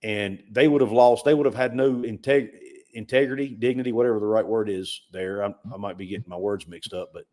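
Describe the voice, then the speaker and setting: Low-voiced man in casual sports talk. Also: a little fast, hardly any pauses, warm tone. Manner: conversational, repeats words when emphatic. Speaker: sports podcast co-host.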